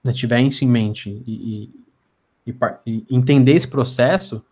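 A man's voice: mid-range voice, unhurried, a little mellow, husky. Male podcast guest, Brazilian accent, conversational, lisping with slushy s sounds, stutters and repeats himself. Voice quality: tongue-tied lisp with slushy s. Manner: stammering, repeats words and syllables.

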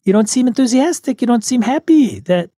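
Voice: mid-range voice, animated, fairly quick, mellow, no echo, clean studio sound, voice pushed up, lightly acted. A game master voicing an eager woman who stammers as she pleads with her partner on the phone during a tabletop game. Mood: pleading. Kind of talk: in-character tabletop role-play.

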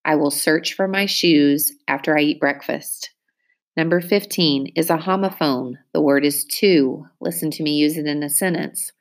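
A woman teacher giving a spelling test, reading each word clearly and using it in an example sentence. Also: low-pitched, moderate pace. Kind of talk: spelling dictation lesson.

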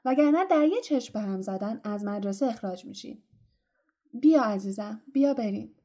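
A stern, brisk woman teacher, voiced by a female narrator, giving firm commands. The voice is high-set and mellow. She is a storybook schoolmistress who expects obedience. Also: expressive.

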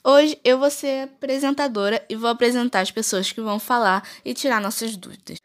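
A woman's voice: on the high side, fairly even intonation, a little fast. Woman reading a school podcast script. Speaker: presenter of a school geography podcast. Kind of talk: read-aloud school presentation.

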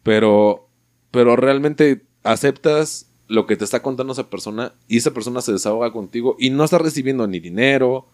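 A man with a Mexican accent in casual podcast chat, talking with heavy slang, swearing and animated asides. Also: mid-range voice, a little fast. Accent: Mexican Spanish.

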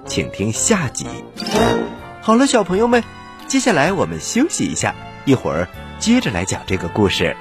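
A man hosting and telling stories for children in an expressive, dramatic style, addressing his young listeners directly. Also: medium pitch, normal speed, music in the background. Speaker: children's storyteller and show host.

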